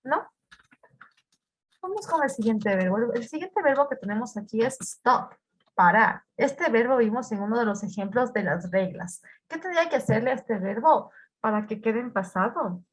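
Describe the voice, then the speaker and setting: A woman's voice: a little high, expressive, moderate pace, husky. A woman teaching an English grammar lesson, patiently repeating words and quizzing her students.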